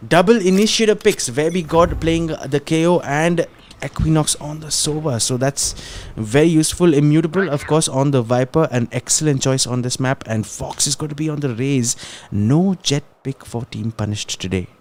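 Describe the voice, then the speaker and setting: A man's voice: fairly high pitch, moderate pace, hardly any pauses, darkish tone. A man with an Indian English accent casting an esports tournament, chatty and analytical, laughing now and then. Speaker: esports caster. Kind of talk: play-by-play commentary.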